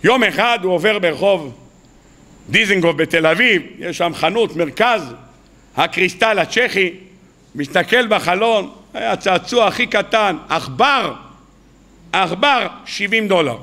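A rabbi with a high, lively voice preaches at an evening lecture during his weekly Torah talk. He tells stories in a casual style, performs the people in them, and keeps addressing the crowd as "gentlemen."

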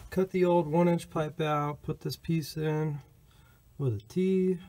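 A man's voice: medium pitch, mellow. A man casually narrating a do-it-yourself gas heater install, explaining each step in a plain, matter-of-fact way on a handheld camera. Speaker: DIY vlogger. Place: pole barn, roof and crawl space.

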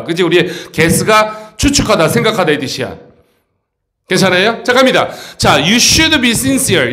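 A man teaching an English grammar lesson for school exams, talking to students and often checking that they follow. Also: sits high. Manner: lively, keeps checking in with the students. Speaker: English tutor. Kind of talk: exam-prep grammar lecture.

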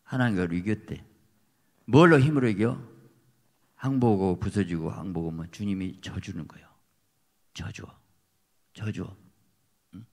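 Fiery pastor in a reverberant hall. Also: male voice, deep voice, unhurried, pauses often. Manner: emphatic, swinging from quiet asides to shouted peaks. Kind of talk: fiery sermon. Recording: long reverb of a church hall.

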